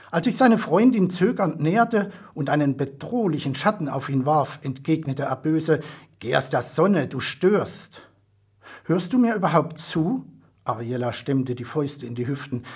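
A man reading a children's story aloud as narrator, with expressive storytelling. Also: fairly high pitch, breathy edge. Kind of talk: audiobook reading.

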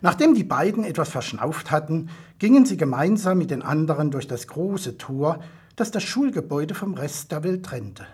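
A man reading a children's story aloud as narrator, with expressive storytelling. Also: fairly high pitch, moderate pace, breathy edge. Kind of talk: audiobook reading.

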